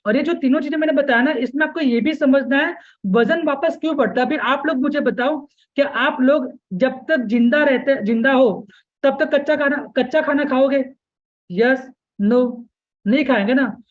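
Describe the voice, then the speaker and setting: A man's voice: very high-pitched, moderate pace, narrow, tinny audio. A man coaching weight loss in a live online webinar, mixing English into his Hindi and checking in with "okay?" again and again. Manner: keeps checking in with listeners, repeating "okay?" and "yes"; mixes English words into Hindi speech.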